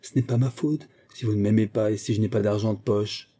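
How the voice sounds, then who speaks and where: A man voicing a proud orphan schoolgirl who answers quietly and with cool disdain. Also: lowish voice, fairly even intonation, brisk, close to an everyday voice.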